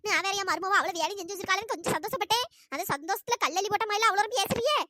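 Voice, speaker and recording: A woman voicing a worried, gullible old mother-in-law in a comic skit, with a shrill, fretful manner. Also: very fast, pushed and bright. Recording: noisy home recording.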